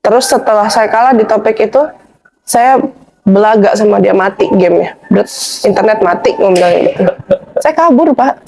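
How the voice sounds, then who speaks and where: A woman guest telling her conversion story in a casual, animated way, slipping into slangy informal speech as she replays old arguments. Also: medium pitch, normal speed, gravelly, slight background noise. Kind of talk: casual spoken testimony.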